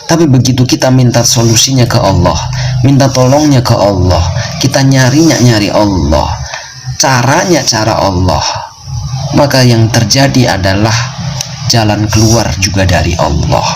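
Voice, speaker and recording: A man's voice: mid-range voice, expressive, moderate pace, noisy background. A man telling a religious testimony story in a preaching style, repeating phrases for emphasis and addressing his listeners as friends.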